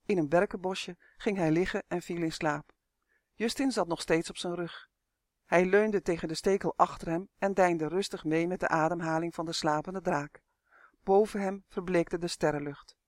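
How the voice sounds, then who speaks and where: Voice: medium pitch, no echo. Rustige voorlezer, kinderverhaal, middelhoge stem, droge studio. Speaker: audiobook reader. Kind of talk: storybook narration.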